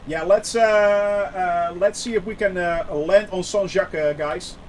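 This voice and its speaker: A man's voice: high-pitched, fairly even intonation, measured pace, a little hiss or hum. A man speaking as a chatty pilot on headset mic. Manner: chatty, rambling, addresses viewers as guys, many fillers. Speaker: flight simulator streamer acting as pilot. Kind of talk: casual live-stream commentary.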